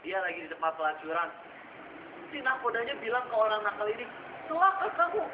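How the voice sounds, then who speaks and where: High-voiced man preaching in an echoey room. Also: expressive, fast. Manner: storytelling, acts out voices in the tale. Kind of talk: sermon to students. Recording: echoey room heard from far off, dull and noisy.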